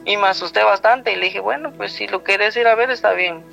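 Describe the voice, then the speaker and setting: Fairly quick in his delivery, a Guatemalan man with a bright, high voice and Guatemalan Spanish accent rambles through a personal story as a guest. He keeps relaying dialogue with "he told me" tags, and the slightly dull recording has clearly audible background music.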